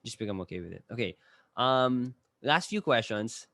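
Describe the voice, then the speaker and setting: Filipino man, podcast host, lively swinging pitch, dry close sound, stumbles over words. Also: vocal fry, no room sound. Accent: Filipino, mixing in Tagalog. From Philippines. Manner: halting, repeats words as he thinks. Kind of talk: casual interview chat.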